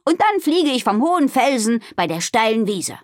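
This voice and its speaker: A woman's voice: medium pitch, sing-song, normal speed, a little mellow, breathy edge, no echo, clean studio sound. A woman voicing an adventurous, stubborn female wild boar who speaks with plain determination. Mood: determined. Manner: determined, matter-of-fact.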